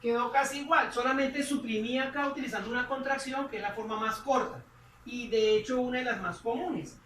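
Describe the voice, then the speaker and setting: A woman with a somewhat high voice teaches a grammar lesson, speaking slowly and repeating each phrase while she writes. She sounds distant from the mic in an echoey room with a faint hum behind her. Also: a bit bright. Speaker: English teacher.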